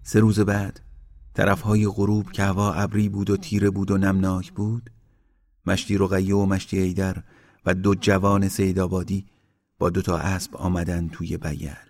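A man reading a literary story aloud in a slow, measured narration that sinks quieter in grim passages. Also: low-pitched, monotone.

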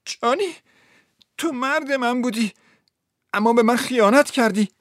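A man's voice: very high-pitched, dry recording, clean studio sound, pitched above the performer's own voice. A man voicing a desperate young woman who pleads with her lover in exclamations, in a dramatized story. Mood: anguished.

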